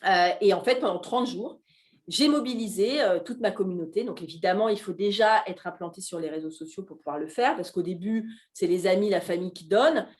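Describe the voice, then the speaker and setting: A woman's voice: medium pitch, brisk. A middle-aged woman from Alsace, a guest chef chatting animatedly at a live café talk, with frequent hesitations. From Alsace, France. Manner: animated, hesitant with many fillers.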